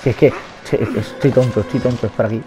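A young man with a Spain Spanish accent, giving nervous, rambling, joking commentary while playing a horror game and shouting at its enemies. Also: mid-range voice, steady tone, quick pace, faint music behind. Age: young adult. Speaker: let's play gamer.

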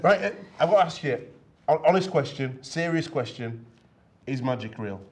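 A man hosting a studio chat with a plain, middling pitch. He needles his guest with playful questions and keeps the banter loose. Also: animated, normal speed, noisy background. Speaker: TV presenter. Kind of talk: casual interview banter.

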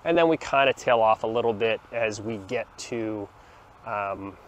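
Out by the beach on a sunny day, a man in his forties shows off a beach town to his phone camera, held at arm's length with a small clip-on mic. His chatty tour is peppered with ums and restarts, spoken in a lowish voice at a moderate pace over slight background noise across the plaza and sand.

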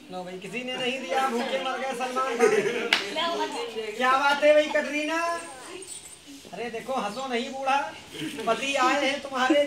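A man running a street monkey show, calling out loud teasing commands to the animals. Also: very high voice. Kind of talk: showman's patter to a crowd. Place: outdoors at a school ground. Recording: crowd noise around. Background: children's crowd.

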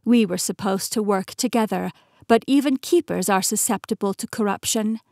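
A woman voicing a poised immortal woman keeper who explains things in a measured way, in an audiobook reading. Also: mid-range voice, gravelly, a little mellow, no room sound, studio quality.

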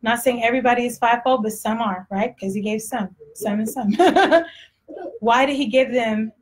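A woman's voice: fairly high pitch, moderate pace. A woman with a Texas accent preaching a sermon in a blunt, conversational way, often laughing. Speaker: pastor.

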